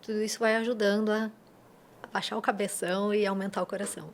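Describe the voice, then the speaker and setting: A woman's voice: medium pitch, flat delivery, quick pace, a little hiss or hum. Teacherly Brazilian woman guest. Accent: Brazilian Portuguese. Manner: explanatory, teacherly, playful asides. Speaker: mentor and podcast guest. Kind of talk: interview answers.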